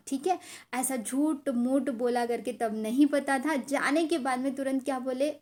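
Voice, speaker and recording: Young woman, storytelling, emotional, repeats herself for emphasis, somewhat high voice. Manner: emotional, repetitive, mixes English words into her speech. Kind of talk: casual personal storytelling.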